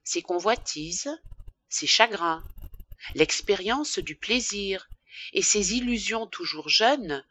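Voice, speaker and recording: A woman narrating a classic novel for an audiobook in an expressive, measured reading. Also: mid-range voice, no room sound.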